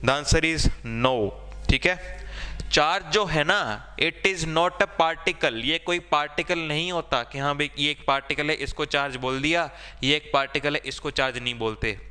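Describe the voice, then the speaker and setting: A man's voice: on the high side, a little slow, pushed and bright, clean tone, big-room sound. A man teaching a science lesson. He speaks conversationally, asks his students' questions aloud, answers them himself and keeps checking in with them. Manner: conversational, repeats "theek hai" to check in. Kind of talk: board-exam science lesson.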